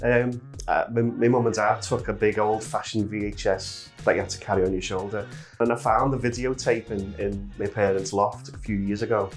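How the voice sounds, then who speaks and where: A middle-aged industrial safety manager from Liverpool, with a Liverpool accent, chats as a guest in a casual interview. His lowish voice is steady at a moderate pace, with soft music in the background.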